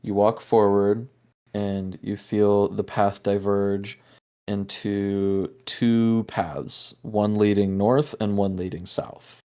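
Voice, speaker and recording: Low-voiced man running a tabletop game. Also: flat delivery, dark tone, clear, resonant tone. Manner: casual, halting, many fillers. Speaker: game master.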